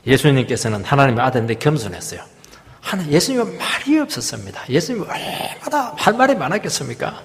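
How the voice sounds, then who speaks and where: A male pastor preaching a sermon in a church, emphatic, swinging from loud rises down to hushed drops. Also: on the high side, very animated, fast, gravelly. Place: church sanctuary. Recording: long hall reverb.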